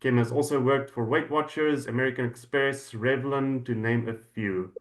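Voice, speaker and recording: A man's voice: mid-range voice, moderate pace. A man acting as host, introducing a guest speaker in an informal workshop setting. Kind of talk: introduction, partly read, then halting informal welcome.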